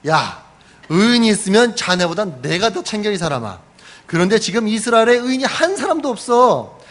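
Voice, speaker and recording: A pastor voicing a blunt, scolding God. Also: male voice, sits high, big pitch swings, moderate pace, a bit bright. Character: stern, blunt fatherly male God.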